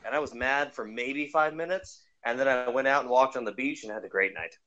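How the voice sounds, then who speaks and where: A man's voice: mid-range voice, brisk, bright, forceful tone, highs cut off. A man telling a loose, laughing anecdote in casual podcast chat. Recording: faint background noise.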